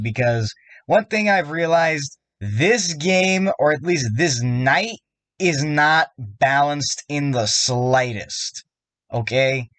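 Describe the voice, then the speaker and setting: A man at an ordinary pitch rants about a video game, sounding upset and worked up. He rambles and stumbles through "you know" and "like" as he talks. The recording is dry and close, with no room sound. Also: dry recording. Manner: rambling, fillers, frustrated. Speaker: YouTuber.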